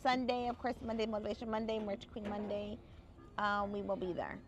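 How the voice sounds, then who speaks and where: A woman's voice: little pitch movement, fairly quick. Young woman co-host, bubbly, reads chat live outdoors, noisy stream audio. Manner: bubbly, greets viewers by name in a high sing-song. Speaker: livestream co-host. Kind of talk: casual live chat, reading viewer comments. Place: outdoors by a grill.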